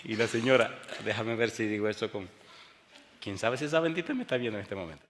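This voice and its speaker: A male pastor preaching a sermon, firing rhetorical questions at his congregation and swinging between booming emphasis and hushed storytelling. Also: fast, a little hiss or hum. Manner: rhetorical call-and-response questions. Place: church sanctuary during a televised service. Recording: long hall reverb.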